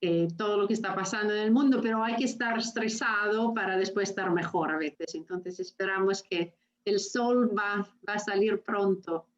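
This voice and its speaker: A woman's voice: mid-range voice, normal speed, hardly any pauses. A woman with an Italian-influenced foreign accent in Spanish, giving an informal academic talk and often searching for words or mixing languages. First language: Italian, speaking non-native Spanish. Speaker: guest speaker. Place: remote video call. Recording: muffled video call.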